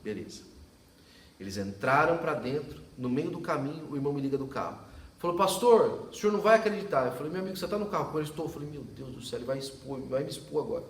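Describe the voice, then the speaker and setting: A man's voice: mid-range voice, lively intonation, fast talker, fairly bright tone. A man preaching a sermon as pastor, telling a story and acting out the dialogue, laughing often. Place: church service. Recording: echoey church from a distance.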